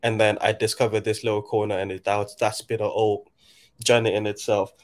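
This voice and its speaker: Raised in Nigeria and in his late twenties, this man chats casually with a rather low voice. His delivery is thoughtful and stop-start, with many restarts as he sorts out his thoughts.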